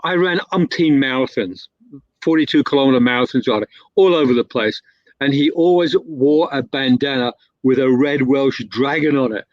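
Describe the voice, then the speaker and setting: A guest storyteller with a medium-pitched voice rambles through a lengthy anecdote, full of filler words, restarts and self-corrections. There's no room sound on the dull, dry, lo-fi recording.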